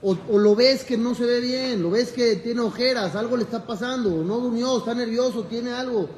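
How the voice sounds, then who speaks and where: A man teaching as a rabbi in a lively class, telling a story, acting out its dialogue and joking with his listeners. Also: extremely high pitch, normal speed. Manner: animated, jokes with the audience, acts out dialogue. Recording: echoey room with audience.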